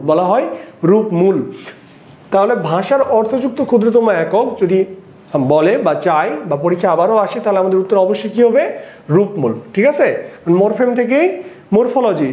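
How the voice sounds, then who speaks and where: A man's voice: high-pitched, warm tone. A man teaching an exam-prep lesson, asking rhetorical questions and repeating the key points. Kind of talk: lecture solving exam questions. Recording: roomy echo.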